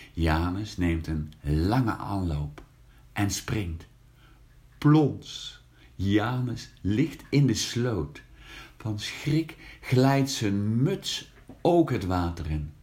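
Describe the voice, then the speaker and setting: A man reading a children's story aloud, slow and expressive, lifting his voice for the characters. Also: on the low side.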